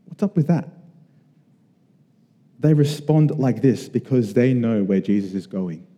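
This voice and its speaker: A man from Australia preaching a sermon to a congregation, earnest and conversational with emphatic pauses. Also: mid-range voice, expressive, mellow, in a large hall. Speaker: pastor.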